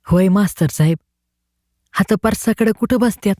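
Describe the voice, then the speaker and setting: A man's voice: sits high, normal speed, mellow, no room sound, clean studio sound, voice pushed up, natural voice. A man voicing a naive, stammering village boy who speaks in rustic dialect. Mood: naive, pleading.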